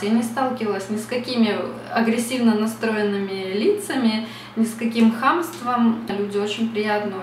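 A young adult woman from Russia, a beauty vlogger, talks casually to the camera from a small, bright room at home, reflective, chatty and full of fillers. Her medium-pitched voice sounds far from the mic in an echoey room with slight background noise.

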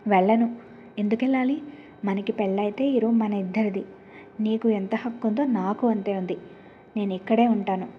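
A woman's voice: medium pitch, steady tone, moderate pace, pauses often, muffled recording, slight background noise, lightly acted. A woman voicing a stubborn, possessive young woman who pleads with her cousin and then defies him. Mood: defiant. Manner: pleading, then defiant and arrogant.

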